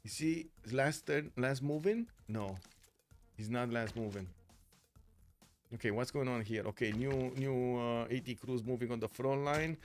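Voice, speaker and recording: Over soft background music, a man with a medium-pitched voice speaks a little slowly while casting a live strategy game tournament as a streamer. He reads chat and talks to viewers by name, peppering the play-by-play with fillers in a casual manner.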